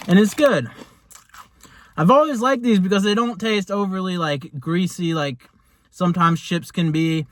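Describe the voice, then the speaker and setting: A man's voice: high voice, steady tone, normal speed, fairly bright tone, dry recording. A man giving a casual, rambling food review in a laid-back, chatty way, as host of a taste test. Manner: rambling, laid-back, hesitant phrasing with lots of "like".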